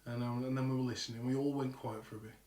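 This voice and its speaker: A man hosting a live ghost hunt at night, telling an animated, sweary story in casual talk. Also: medium pitch, racing, recorded from a distance. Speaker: paranormal show host. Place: old house at night. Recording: echoey room, off-mic.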